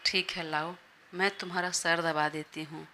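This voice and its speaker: A woman's voice: low-pitched, level tone, moderate pace, bright, forceful tone, a little hiss or hum. A woman voicing a stubborn, playful young wife who teases, in a Hindi audio story.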